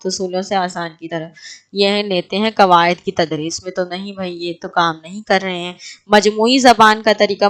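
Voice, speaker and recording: A woman's voice: mid-range voice, clear, resonant tone. A woman teaching an exam prep lecture, asking her class questions and then answering them herself.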